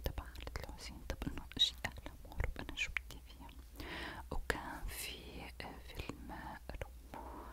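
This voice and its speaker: A woman whispers throughout in an ASMR storytelling style. She has a Levantine Arabic accent and speaks as a creator confiding in her viewers. Her words are deliberately murmured and indistinct, carried on breath with little voicing.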